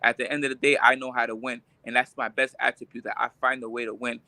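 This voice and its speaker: A man's voice: mid-range voice, flat delivery, fast talker, sharp tone, no echo. A man from Puerto Rico, a boxer, talking confidently and insistently in an interview, often repeating himself. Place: remote live stream.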